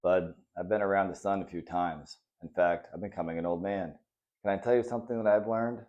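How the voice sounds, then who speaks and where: A man reading the part of a kind, patient father who talks softly and reassuringly to his son in a children's story. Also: low voice, fairly even intonation, brisk, lo-fi sound, natural voice. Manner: soft and reassuring.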